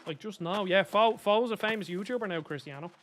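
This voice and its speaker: A gaming YouTuber with a Dublin Irish accent chats over his gameplay in a high, light voice with a fairly bright tone, speaking a little fast. He rambles loosely and casually tosses out opinions while faint game music plays underneath.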